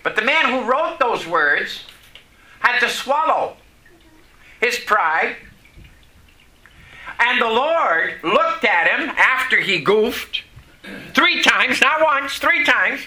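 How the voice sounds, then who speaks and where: Speaking slowly in a high, lively voice that climbs and dips with each point, a man preaches a folksy sermon with a bright, forceful edge. He grew up in Vermont, USA, with French as his first language, and he keeps pausing between phrases to question the congregation. The recording is rough.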